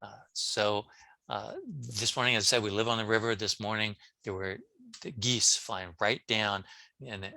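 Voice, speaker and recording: A man, a brain coach on a podcast, talking casually in an interview, telling animated stories with frequent restarts. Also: on the low side, moderate pace, gravelly, no room sound. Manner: animated storyteller, many restarts.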